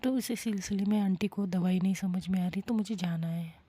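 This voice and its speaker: Pleading young woman in whispered role-play, woman doing her, breathy and soft. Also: medium pitch, fairly even intonation, a little fast, lightly acted.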